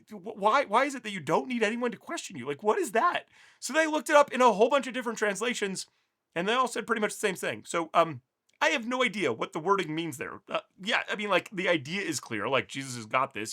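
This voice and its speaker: A man hosting a casual Bible study, reading scripture slowly and chatting about it with many restarts and asides. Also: a little high, sharp tone. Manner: chatty and self-interrupting, reads scripture slowly.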